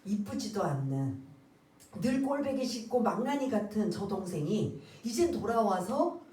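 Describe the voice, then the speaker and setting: A woman's voice: medium pitch, sing-song, a little slow, warm tone. A woman pastor preaching a sermon, asking the congregation questions and acting out the characters' words. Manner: asks the congregation questions and waits for answers; acts out the characters' words in quotes. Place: church sanctuary. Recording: roomy church sound, voice heard from a distance.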